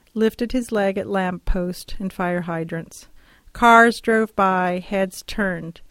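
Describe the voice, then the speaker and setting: A middle-aged woman reading her personal essay aloud in a measured, wry storytelling manner with lingering pauses. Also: medium pitch, no room sound.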